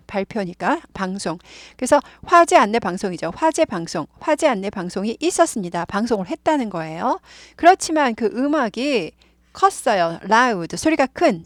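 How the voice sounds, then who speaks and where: Animated woman drilling English pronunciation. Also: a little high, moderate pace, dry recording, clean studio sound. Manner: animated, repeats words for drilling. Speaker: English teacher. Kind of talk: online English lesson.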